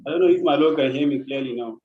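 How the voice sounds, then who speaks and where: A man's voice: a little high, racing. A man, a lawyer making a formal, deferential appearance in court over a remote call with a bad connection. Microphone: video call. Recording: muffled lo-fi call audio.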